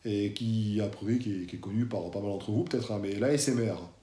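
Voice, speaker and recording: A man's voice: on the low side, a little fast, warm tone, roomy sound. A man talking casually and chattily to his viewers as a fitness YouTuber, slangy and familiar, addressing them directly. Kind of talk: casual talk to camera.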